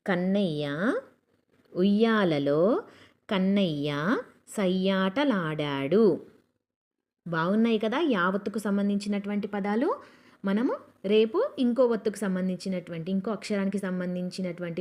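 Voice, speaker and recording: A woman teaching children to read, slowly spelling out each syllable and joining the sounds into whole words. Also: mid-range voice, animated, darkish tone. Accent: Telugu. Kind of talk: slow syllable-by-syllable reading lesson for children.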